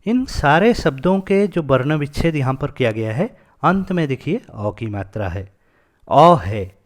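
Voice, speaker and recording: A man teaching a Sanskrit lesson to children, patiently asking questions and answering them himself. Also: on the high side.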